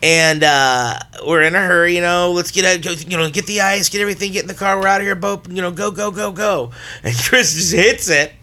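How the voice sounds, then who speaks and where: Bright high-voiced man telling stories. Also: brisk. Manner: animated storyteller, laughs often. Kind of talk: casual chat.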